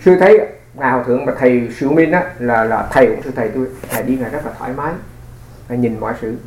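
A man's voice: medium pitch, racing, a little mellow, a little hiss or hum. A man, a Buddhist monk giving a dharma talk and answering questions. He explains with rhetorical asides and drops in English words. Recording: echoey room recording.

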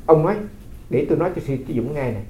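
Fast-talking monk. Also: male voice, a little high, expressive, a little mellow, a little hiss or hum. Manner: conversational storytelling with rhetorical questions. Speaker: Buddhist monk. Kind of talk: dharma talk. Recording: roomy, slightly dull recording.

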